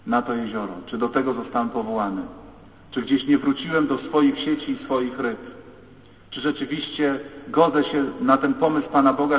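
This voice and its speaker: A priest giving an emphatic sermon to his congregation, rising now and then to loud declamation. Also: mid-range voice. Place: church. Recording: echoey church heard from far, phone-like sound.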